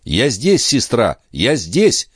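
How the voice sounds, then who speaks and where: A man's voice: mid-range voice, wildly swooping pitch, takes it slowly, fairly bright tone, husky, dry recording, studio quality, pitched above the performer's own voice, heavily acted. Man as an earnest young brother.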